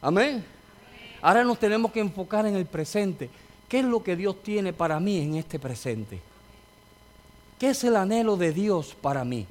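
A man preaching a sermon in a church with impassioned energy, often shouting and calling out amens. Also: sits high.

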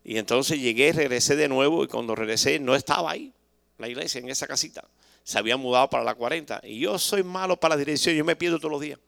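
A man's voice: medium pitch, quick pace, vocal fry, fairly bright tone, no room sound, studio quality. A man giving a spoken religious testimony to a church, emphatic and acting out the dialogue he recalls in shifting voices.

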